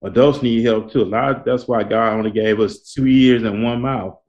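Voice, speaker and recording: A man's voice: mid-range voice, steady tone, normal speed, darkish tone, muffled recording. A man hosting a talk in a colloquial, preacherly style, repeating his points to urge listeners on. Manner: repetitive, exhorting, colloquial. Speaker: host. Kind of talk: conversational talk, motivational preaching.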